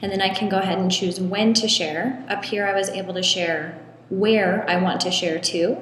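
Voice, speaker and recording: A woman giving a step-by-step screen tutorial in an echoey room with long reverb, talking in a relaxed way with frequent ums. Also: medium pitch, moderate pace. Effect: echoey room with long hall-like reverb. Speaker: tutorial presenter.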